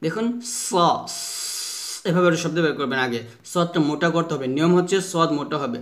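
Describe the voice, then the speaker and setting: A man giving a patient pronunciation lesson for Quran recitation, modelling each letter sound slowly and having listeners repeat after him. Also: on the high side. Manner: slow drawn-out modelling of letter sounds with repetition drills; patient, repeats each point several times.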